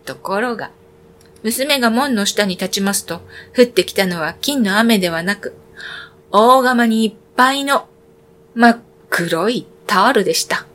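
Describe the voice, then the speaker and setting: A woman's voice: mid-range voice, lively intonation, a little slow, fairly bright tone. Woman reading a fairy tale aloud. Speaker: storyteller.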